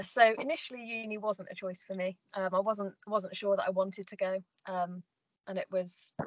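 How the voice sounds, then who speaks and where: A woman's voice: medium pitch, no room sound. A young woman, a scholarship student and athlete, answering thoughtfully with many ums on a video call from a room at home. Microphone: laptop webcam, video call.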